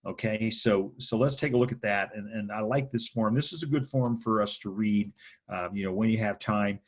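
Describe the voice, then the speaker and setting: A man's voice: on the low side, normal speed. A man teaching real estate contracts in a casual lecture, often checking in with "okay?" and "right?". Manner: chatty, frequent "okay?" and "right?" check-ins. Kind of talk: informal training lecture.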